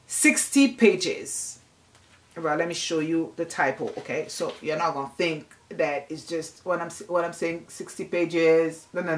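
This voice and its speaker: A woman, giving an earnest, emphatic book review in a casual vlog. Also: fairly low pitch. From Congo. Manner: earnest, emphatic, repeats herself while thinking. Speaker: book vlogger.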